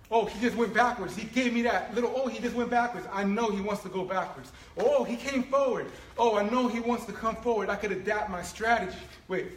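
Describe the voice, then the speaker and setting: A high-pitched male martial arts instructor walks through feints and footwork, keeping up an animated coaching patter. His voice bounces around a roomy training space with faint ambient noise behind him. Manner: animated, coaching with frequent "right?" and "all right?". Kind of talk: instructional demonstration. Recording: echoey room with faint ambience.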